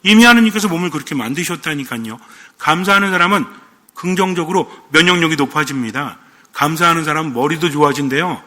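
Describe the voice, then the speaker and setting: Bright-voiced priest in a reverberant hall. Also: male voice, fairly high pitch, expressive, quick pace. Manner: asks the congregation questions, playful asides. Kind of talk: sermon.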